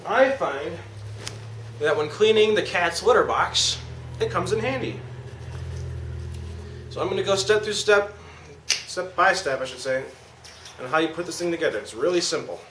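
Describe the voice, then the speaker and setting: A man's voice: high-pitched, animated, normal speed, long pauses, a bit bright, rough recording. A man giving a casual, slangy product demonstration as an amateur reviewer. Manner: informal, slangy. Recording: clear background noise.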